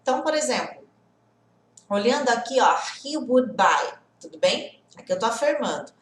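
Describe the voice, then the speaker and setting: A woman teaching an English lesson on a live stream, lively, often checking in with the viewers and greeting them by name. She is a native Portuguese speaker. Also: fairly high pitch, normal speed, echoey room.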